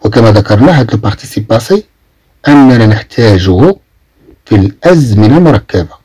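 A man from Morocco with a Moroccan Arabic accent, teaching French vocabulary and repeating each phrase slowly before translating it. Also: on the low side, expressive, mellow, husky, no room sound. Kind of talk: explaining vocabulary in a lesson.

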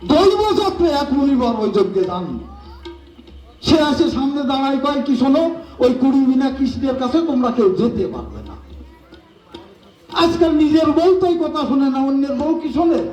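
High, lively Bengali folk storyteller. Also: male voice, moderate pace, echoey room, distant mic, soft background music. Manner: animated, switches voices for quoted characters. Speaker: kobi gaan performer. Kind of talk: sung storytelling with acted dialogue.

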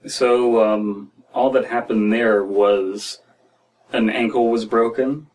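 Taking it slowly, a young American man hosts a podcast with loose, rambling commentary on stories, sprinkled with "like" and "you know." His medium-pitched voice is steady and a little mellow. He's in a small home room, recorded on a distant mic with room noise.

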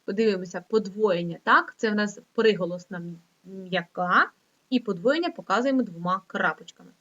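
A middle-aged woman teaching an online lesson to young children, reading slowly and in a sing-song way. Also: a bit bright. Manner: slow, sing-song reading with rising pitch. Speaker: primary school teacher. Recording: dull lo-fi recording.

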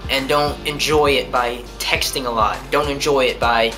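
A man's voice: mid-range voice, fairly even intonation, normal speed, music in the background. Chatty young man rambling in a home vlog. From New Hampshire. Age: young adult. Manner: rambling, chatty, talks with his hands. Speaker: vlogger answering viewer questions. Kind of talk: casual vlog chat. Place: living room at home, indoors.

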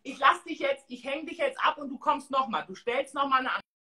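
A woman in her forties hosting a casual live stream, chatting in an expressive, exclamatory way. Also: sits high, a little fast. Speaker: host of a live-stream talk show. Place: small tiled room indoors.

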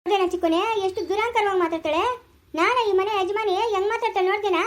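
A domineering old village matriarch, played by a woman, scolds her family in a high, rapid voice. She speaks with a rural Chikkaballapura Kannada accent, bossy and shrill. It is an amateur family skit. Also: lightly acted. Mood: indignant. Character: furious older village mother-in-law, domineering.

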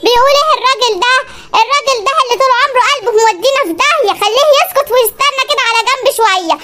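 A woman's voice: extremely high pitch, rapid-fire, pushed and bright, slight background noise. A performer voicing a scheming Egyptian cartoon mother. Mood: meddling. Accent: Egyptian Arabic. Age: older. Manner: scornful, stirring up trouble. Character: meddling older mother, bitter and scheming.

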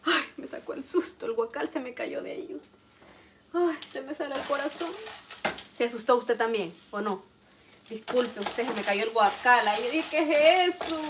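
A woman's voice: on the high side, lively intonation, moderate pace, background noise. A Salvadoran woman with a homely, talkative manner, cooking at home and chatting to her viewers. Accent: Salvadoran Spanish. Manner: homely, talkative, addresses viewers warmly as "usted". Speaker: cooking vlogger. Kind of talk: chatty live cooking stream. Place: home kitchen. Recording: clatter of pots and utensils.

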